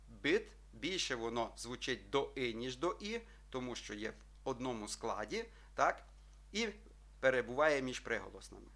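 A male teacher walks his viewers through a language lesson in an explanatory tone. His voice is bright and forceful, and he keeps checking in with his listeners. He draws out his example words slowly so they can follow. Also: medium pitch. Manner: addresses listeners as friends, checks with frequent "так?"; slow, drawn-out model pronunciations.

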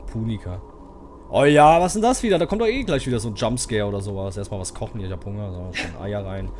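Male streamer, lively up-and-down voice, cursing horror-game commentary, audible background noise. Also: lowish voice, quick pace. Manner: swears, rants and yells at the game.

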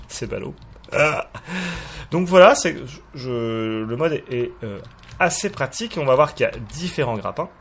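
A man's voice: medium pitch, lively intonation, a little slow, vocal fry, fairly bright tone. A man giving casual, hesitant commentary while showing a game mod, full of fillers and restarts and chuckling at himself. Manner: self-mocking, chuckles at himself. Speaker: YouTuber presenting a game mod.

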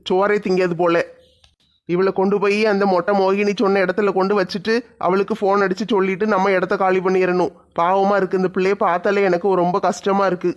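A man's voice: sits high, lightly acted. A man voicing a guilty, reluctant kidnapper muttering to himself in a cartoon. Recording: dull lo-fi sound.

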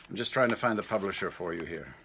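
An older man talks casually to his guitar channel viewers, his voice very low yet bright and forceful. He rambles and halts, chuckling between thoughts, with a faint hiss of noise behind him. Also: fast.

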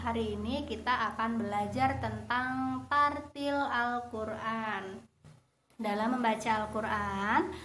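Woman, patient encouraging teacher, unhurried speech, roomy echo. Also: mid-range voice, slight background noise. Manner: patient, encouraging, sings the recitation. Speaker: Quran recitation teacher. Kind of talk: slow online lesson for children.

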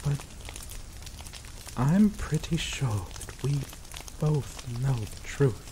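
A young man's medium-pitched voice carries an ASMR roleplay of a possessive male lover, tender and obsessive in mood. He takes his time, speaking softly, drawing words out and chuckling darkly. The steady sound of falling rain runs beneath it all.

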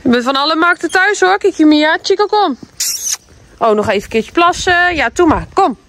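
Lively high-voiced mum. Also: female voice, fairly quick. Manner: lively, coaxing, playful with the children. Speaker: mother, vlogger's partner. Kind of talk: casual family talk. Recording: music and crowd behind.

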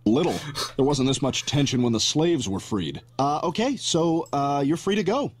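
A man voices an awkward talking dog in a cartoon. He sounds self-important, speaking a bit high with lively intonation. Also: moderate pace, a little hiss or hum, natural voice. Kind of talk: animated comedy dialogue.

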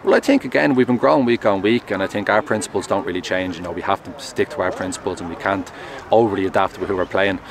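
A young man, a goalkeeper, answering post-match questions in a measured, earnest way, outdoors at a stadium at night on a close mic. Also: deep voice, a crowd in the background. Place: outdoors at a stadium, in front of a sponsor board at night. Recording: outdoor traffic noise.

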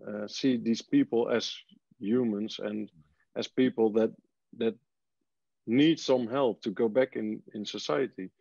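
A man speaks over a video call through earbuds. The sound is dull and lo-fi, and his voice is mellow. He hesitates and fills his pauses while he searches for words. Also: medium pitch, creaky, dry recording. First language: Dutch. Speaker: film director.

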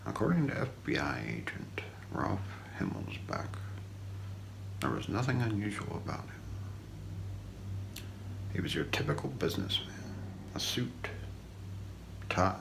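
In a very low voice thick with creak, a middle-aged man narrates true crime as ASMR role-play, slow and deliberate, hushed and often nearly whispering. He's recorded up close in a small room, and the low-quality audio carries faint background noise.

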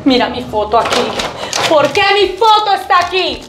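Sex: woman. Pitch: very high. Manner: frightened. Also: sing-song, moderate pace, over music. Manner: frightened, fretful. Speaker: actor in a short drama. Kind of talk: scripted short drama acting.

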